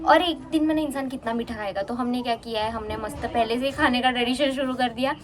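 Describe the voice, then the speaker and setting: A young woman chatting fast in a casual home vlog, talking into a handheld phone. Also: fairly high pitch. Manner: chatty, mixes in English words. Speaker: vlogger. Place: at home, indoors and on a terrace.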